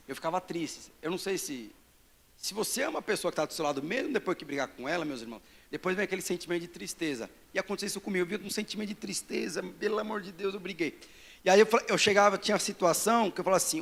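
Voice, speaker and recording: A man with a Brazilian Portuguese accent preaching a fervent, confessional sermon as pastor. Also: high voice. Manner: fervent, confessional, grows louder toward scripture reading.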